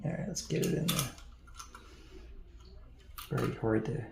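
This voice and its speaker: At a measured pace, a creaky-voiced man of medium pitch narrates casually while fixing electronics at his home workbench, mumbling and thinking aloud. The audio carries heavy background noise and room echo.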